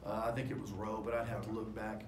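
A man's voice: on the low side, flat delivery, quick pace. A man in his forties, a head basketball coach at a postgame press conference, talking candidly and rambling through fillers and restarts into table microphones. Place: press room in front of a sponsor backdrop. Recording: echoey room with faint noise.

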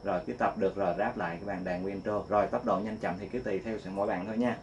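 A man's voice: on the low side, steady tone, highs cut off, slight background noise. Man teaching guitar. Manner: sings note names slowly between quick explanations. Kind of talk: casual guitar lesson. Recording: loud guitar playing along.

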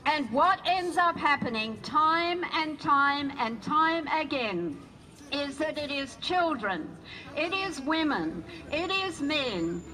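Woman, rally speaker outdoors; slow, forceful, high and bright. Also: poor audio. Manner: emphatic, repetitive oratory. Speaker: protest speaker. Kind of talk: rally speech. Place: outdoor square in front of a stone building.

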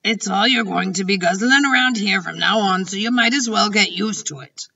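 Storybook giant, ancient, gentle, proud, childlike played by a woman; forceful, drawn-out, garbled grammar, slightly dull distant recording. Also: medium pitch, slightly rough. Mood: disgusted, goading. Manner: mangled grammar and invented words.

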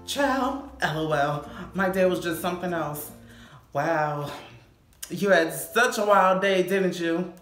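Young female vlogger, slightly low voice, sassy and expressive casual delivery, strong room echo. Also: takes it slowly. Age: young adult. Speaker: YouTube vlogger. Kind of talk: casual sassy reaction vlog to camera. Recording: echoey room, faint music behind.

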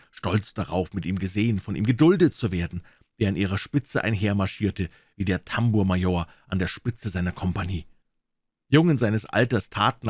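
Calm male audiobook reader. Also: sits low, dry recording, clean studio sound. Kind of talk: scripted narration of a classic novel.

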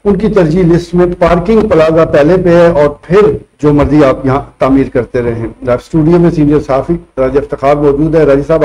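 A man's voice: fairly high pitch, mellow, poor audio. A male talk show host with a Punjabi Urdu accent, asking guests long formal questions in a studio panel discussion. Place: TV studio set. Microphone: table mic.

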